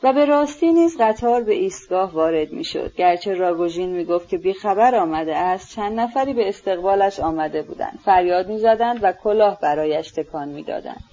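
A woman narrating a novel in an audiobook, reading in a steady, measured way. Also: mid-range voice. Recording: dull lo-fi recording.

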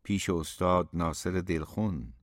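A man's voice: deep voice, no room sound, clean studio sound, close to an everyday voice. A man reading an audiobook, voicing a troubled young poet who speaks in a hesitant, subdued way.

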